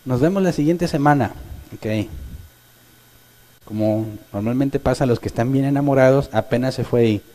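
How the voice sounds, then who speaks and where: A man preaching from the pulpit, his voice dark and mellow. He is animated and often slips into the voices of the people he quotes. His pitch sits in the ordinary middle range. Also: normal speed, pauses often. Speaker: pastor. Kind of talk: sermon.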